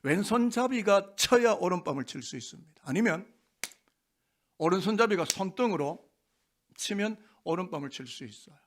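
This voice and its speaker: A man's voice: high-pitched, animated, moderate pace, a little hiss or hum. A man preaching a Sunday sermon as pastor, asking the congregation rhetorical questions. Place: church sanctuary.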